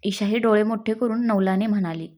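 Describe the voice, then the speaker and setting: A woman's voice: mid-range voice, brisk, darkish tone. A woman with a Marathi accent reading a story aloud and giving every character's lines in her own voice. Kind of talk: scripted story narration.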